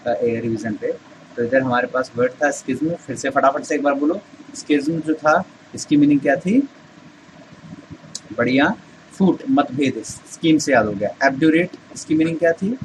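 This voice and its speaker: A man's voice: medium pitch, noisy background. A man teaching English vocabulary in Hindi, explaining step by step and answering his own rhetorical questions. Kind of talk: Hindi vocabulary lesson with memory tricks.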